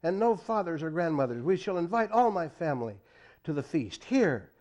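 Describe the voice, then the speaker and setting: A man voicing an excitable, earnest, playful young boy in a read-aloud story. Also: on the high side, moderate pace. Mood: eager, playful.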